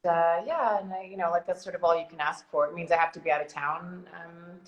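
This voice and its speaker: Brief: woman in her thirties, from Canada, on a video call, slightly low voice, roomy echo, chatty with restarts. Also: fairly even intonation, brisk, lo-fi sound. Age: 30s. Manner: chatty, many restarts and fillers. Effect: heard over a video call. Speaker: actress guest. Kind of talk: casual interview chat. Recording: echoey video call audio.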